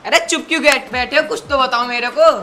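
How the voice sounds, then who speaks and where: A woman playing a male village headman who hears out a quarrelling couple, calm but quick to snap. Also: high voice, close to an everyday voice. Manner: calm, listening with hums, then sharp and bossy. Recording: background music.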